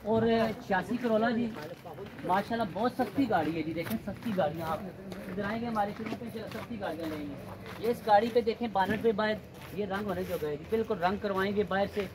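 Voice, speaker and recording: A man gives a used-car sales pitch, his voice caught on a handheld phone while he walks an outdoor lot. He talks in a persuasive, repetitive salesman patter. Steady street noise sits clearly behind him. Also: fairly quick. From Pakistan. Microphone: handheld phone camera.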